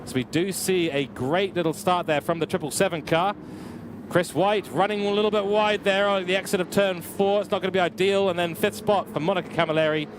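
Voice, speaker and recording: A young man giving live commentary on a simulated car race, energetic and building excitement, his voice getting worn. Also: high-pitched, brisk, background noise. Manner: energetic, rising with excitement at incidents. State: losing his voice. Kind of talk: live sim racing commentary.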